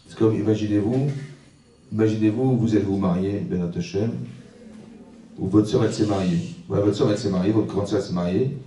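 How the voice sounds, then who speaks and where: A man, a rabbi giving a religious class to girls, animated, asking rhetorical questions and acting out little scenes. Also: on the low side, fairly quick, far from the mic, a little hiss or hum. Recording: echoey room, voice from off-mic.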